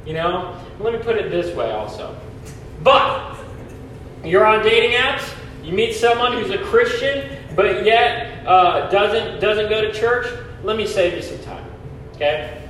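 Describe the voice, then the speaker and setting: A man preaching a sermon as pastor, emphatic, posing questions and answering them, then leading a prayer, with a cathedral-like booming echo. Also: animated, measured pace, fairly bright tone. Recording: heavy hall echo, distant mic, faint noise.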